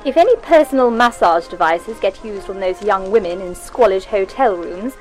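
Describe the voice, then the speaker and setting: A woman playing a prim, sharp-tongued radio hostess from the 1940s, with crisp and disapproving delivery. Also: mid-range voice, expressive, moderate pace, faint music behind, lightly acted, rough recording.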